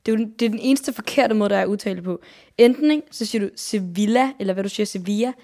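A woman's voice: mid-range voice, dark tone. A young woman co-hosting a podcast. She is blunt, drops English phrases into her talk, and gropes for words. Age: young adult. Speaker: podcast co-host. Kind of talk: casual chat.

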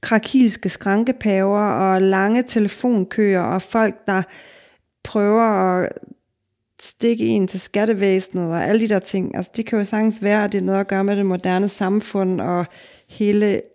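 A woman's voice: medium pitch, steady tone, a little mellow. A middle-aged woman from Denmark, a guest author in a casual podcast conversation, talking reflectively in long winding sentences full of fillers.

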